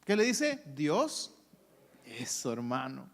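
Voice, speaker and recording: A man preaching a sermon as pastor, with animated delivery that swings between loud calls and hushed asides, acting out voices from the story. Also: mid-range voice, slow, gravelly. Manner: acts out voices of people in the story.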